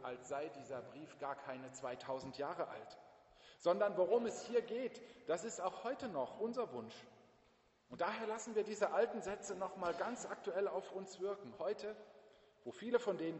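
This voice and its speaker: A male pastor preaching a sermon, emphatically and directly addressing the congregation. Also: fairly high pitch. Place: church. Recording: echoey church, long reverb.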